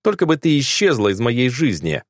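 A man's voice: medium pitch, sing-song, normal speed, no room sound, clean studio sound, voice pushed up. A man voicing a bitter young man who speaks curtly and with contempt in an audiobook story. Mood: scornful. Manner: curt, contemptuous. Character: cold, bitter young man, harsh and scornful.

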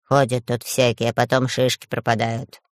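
A woman voicing a small, bearded, grumpy male forest gnome who grumbles and scolds in a low, gruff voice for a children's audiobook. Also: flat delivery, normal speed, no room sound, clean studio sound. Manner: suspicious, scolding.

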